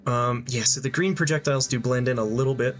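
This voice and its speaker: A young gameplay streamer talks fast in a steady, mid-range voice, giving casual commentary as he thinks aloud with frequent ums and dry asides. Game music plays underneath.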